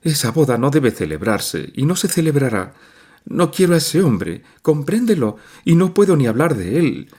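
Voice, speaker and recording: A distraught young woman begs through her tears in a storybook reading, put on by a male narrator. The voice climbs high and swings widely as she pleads. She sounds urgent and tearful. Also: very animated, moderate pace, a little mellow. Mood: imploring. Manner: tearful, imploring. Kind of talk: audiobook reading.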